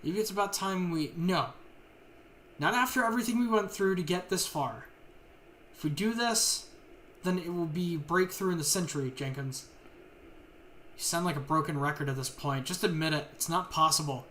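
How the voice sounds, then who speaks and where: Dude doing a panicky pissed-off captive woman, sharp and pleading. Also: fairly high pitch, normal speed, a little hiss or hum, close to an everyday voice. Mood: exasperated. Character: frightened, angry captive woman, later a bitter assistant.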